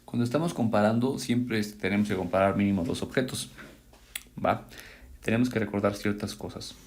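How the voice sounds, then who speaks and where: A man's voice: lowish voice, a little fast, a little mellow, a little hiss or hum. Man teaching English grammar patiently. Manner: patient, explanatory, addresses students directly with "¿va?". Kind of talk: reviewing homework in a recorded lesson.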